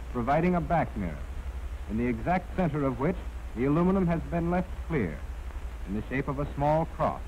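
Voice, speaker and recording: This scripted training-film narration comes from an American man whose slightly high voice carries a darkish tone. He reads in a formal, measured, carefully enunciated way, recorded for an archival film on a dull, noisy 1940s soundtrack.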